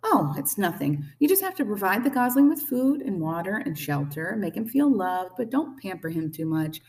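A woman voicing an old gray female goose who talks in a brisk, bossy, no-nonsense squawk for a storybook reading. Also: medium pitch, big pitch swings, a little mellow, recorded from a distance, pitched above the performer's own voice. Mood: blunt, brisk.

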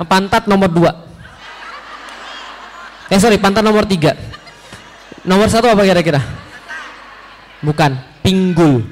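A man giving a religious lecture to an audience, quizzing them in a conversational tone and chuckling as he talks. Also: high-pitched. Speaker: Islamic lecturer. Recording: long hall reverb.

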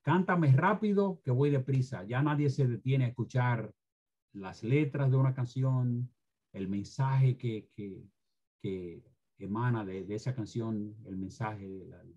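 A man's voice: mid-range voice, a little mellow, highs cut off. A former Spanish teacher being interviewed, a man who speaks emphatically and lectures about careless language use. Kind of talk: interview, opinionated commentary on language.

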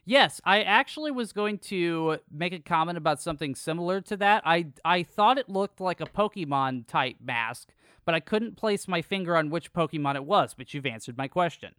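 A man's voice: fairly high pitch, animated, moderate pace, sharp tone, smooth, no echo, studio quality. A man co-hosting a podcast, recapping an episode from a script with jokey asides. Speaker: podcast co-host. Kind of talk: casual recap chat.

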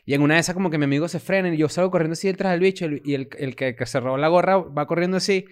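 A man's voice: on the high side, racing, clear, resonant tone. A Venezuelan man co-hosting a podcast, talking in emphatic, slangy casual chat. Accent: Venezuelan Spanish. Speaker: podcast co-host.

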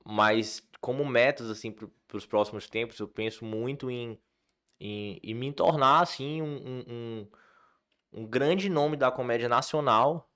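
A man's voice: mid-range voice, measured pace. Guy, comedian, rambling storytelling w lots of fillers. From Ceará, Brazil. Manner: animated storyteller, many fillers and restarts. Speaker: comedian guest. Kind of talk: casual podcast chat.

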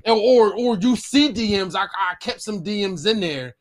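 A man's voice: high-pitched, lively intonation, moderate pace, background noise. A man hosting a casual podcast chat, talking crudely and animatedly with frequent laughter. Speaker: podcast host.

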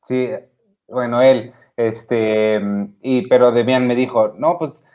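A man's voice: medium pitch, flat delivery, slow, smooth. A man co-hosting a podcast in casual chat, chiming in conversationally. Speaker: podcast co-host. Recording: dull lo-fi sound.

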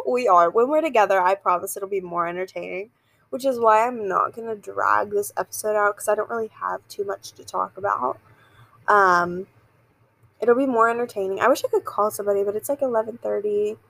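A woman's voice: mid-range voice, moderate pace, vocal fry, rough recording. A young woman hosting a casual solo podcast, rambling and giggling as she talks. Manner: rambling, giggly, self-deprecating. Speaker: podcast host.

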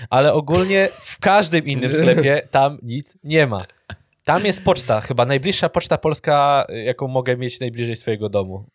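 A young man co-hosting a casual chat, joking and animated, laughing often. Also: medium pitch, normal speed, few pauses, no room sound, clean studio sound. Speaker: podcast co-host. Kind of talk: casual banter.

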